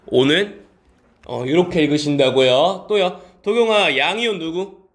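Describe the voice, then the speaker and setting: A male science teacher delivers a classroom lecture in a voice on the high side. He calls on students by name and answers his own quick questions, blending polite speech with casual talk.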